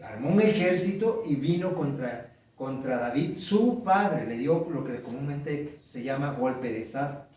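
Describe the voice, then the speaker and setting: A man's voice: a little high, expressive, unhurried, a little mellow, heavy reverb, far from the mic, low-quality recording. A man preaching a sermon, asking the congregation questions and repeating key words.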